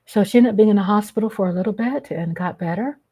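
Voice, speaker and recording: A woman's voice: mid-range voice, quick pace, dark tone, husky. A woman hosting her own live-stream vlog, speaking off the cuff in a blunt, emphatic way with casual swearing. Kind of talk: unscripted live commentary.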